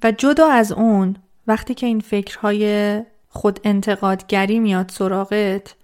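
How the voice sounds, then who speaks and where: A woman giving a reflective psychology talk, calmly addressing the listener with direct questions. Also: mid-range voice. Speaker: self-help speaker.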